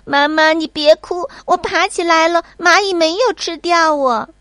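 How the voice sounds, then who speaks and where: A woman voicing a small, easily frightened child in a bedtime storybook, with a high pleading voice. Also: unhurried, pushed and bright, no echo, studio quality, full character voice. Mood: relieved. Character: small scared little child, whiny.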